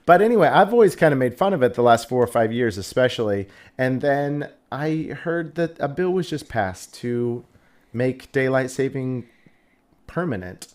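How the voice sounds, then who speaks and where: A man's voice: medium pitch, animated, moderate pace, a little mellow. A man hosting a casual live stream who rambles through a jokey story. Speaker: host.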